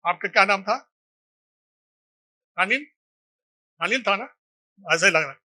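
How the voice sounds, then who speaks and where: A man's voice: high-pitched, expressive, a little slow, pushed and bright. A man giving a lecture to a live audience as a seminar speaker, reciting verse and quizzing listeners with short questions. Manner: recites lines of verse from a book.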